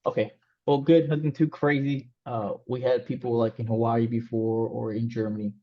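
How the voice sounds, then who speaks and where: Speaking at a moderate pace in a flat, mid-range voice, this Mexican coding instructor runs his online class in a relaxed way, restarting often and using lots of fillers. Spanish is his native language. Sound quality is slightly dull and lo-fi.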